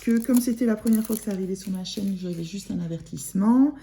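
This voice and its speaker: This sewing vlogger talks fast in a mellow, medium-pitched voice, with a little hiss or hum in the audio. Her accent is northern French Picard (Ch'ti). Chatting casually to camera, she rambles, using many fillers and restarting often.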